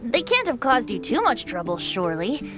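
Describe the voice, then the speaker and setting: Over music, a woman voices a boyish, breezy, easygoing wandering bard in a video game, a character who is secretly a wind spirit. Her light voice sits on the high side with huge pitch swings at normal speed, and she sounds unconcerned, hesitant, airy and playful, congested with allergies and clearing her throat.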